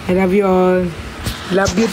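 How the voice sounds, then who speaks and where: A man's voice: high-pitched, completely flat delivery, measured pace, darkish tone, a little hiss or hum. A man hosting a casual livestream, signing off with playful, teasing goodbyes to his viewers. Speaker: livestream host.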